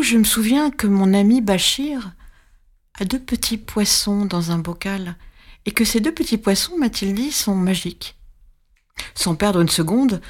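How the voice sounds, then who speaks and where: A woman reading a story aloud in an expressive, storytelling manner. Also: medium pitch. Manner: expressive, singsong on the rhyme.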